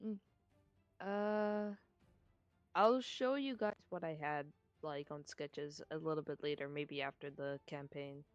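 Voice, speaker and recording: A woman's voice: sits low, slow pace, clean tone, dry recording, dull audio, faint music behind. A woman chatting casually with fellow tabletop players, chatty and giggly. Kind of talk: casual chat.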